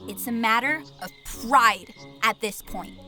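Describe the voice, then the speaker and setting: A woman's voice: a little high, slow pace, over music. A woman playing a proud, easily spooked young adventurer in an audio drama, brash, theatrical and defensive. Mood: defiant pride.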